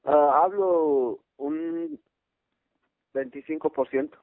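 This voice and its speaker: A man's voice: a little high, wildly swooping pitch, slow pace, vocal fry. A man in his twenties from Guatemala, answering interview questions hesitantly and searching for words. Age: 20s. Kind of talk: casual phone interview. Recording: tinny phone line.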